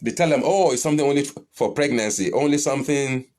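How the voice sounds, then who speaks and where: A man gives a live-streamed spiritual teaching, answering questions as they come in. Blunt and animated, he swears freely, and his mid-range voice leaps upward whenever he stresses a point. He speaks at a quick pace.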